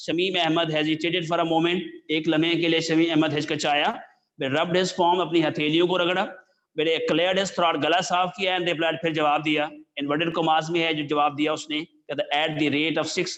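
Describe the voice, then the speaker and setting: A fairly high-pitched man teaches an English textbook lesson. He reads each English phrase slowly and deliberately, then explains it at a quicker conversational pace. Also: fairly bright tone.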